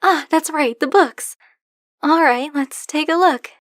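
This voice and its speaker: Playing a possessive, flirtatious librarian with dragon blood, this woman addresses the listener coyly and insistently, with a teasing edge. Her high-pitched voice moves a little slowly, and the chatty, gentle scene is captured on a close mic with clean studio sound and no room echo.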